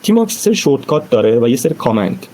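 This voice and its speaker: A man's voice: medium pitch, big pitch swings, mellow, poor audio. A man giving a casual screen-recorded tutorial, chatting through each step as he types commands. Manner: chatty, explains step by step while typing. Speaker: Linux course instructor.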